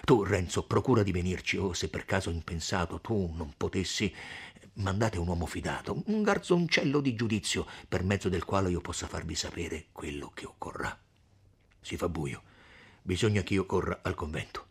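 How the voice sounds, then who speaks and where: A man voicing a kindly elderly friar in a storybook reading, speaking in a gentle, solemn, consoling way. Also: sits low, lively intonation, normal speed, breathy edge, voice pushed down, heavily acted.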